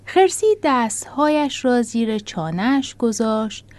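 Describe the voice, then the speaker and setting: Expressive woman storybook narrator. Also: fairly high pitch.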